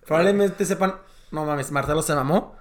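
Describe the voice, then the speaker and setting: Guy, slightly high voice, pushing what-if questions in a podcast chat. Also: moderate pace, reverberant. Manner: probing, pushes hypotheticals. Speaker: podcast co-host. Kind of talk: casual chat.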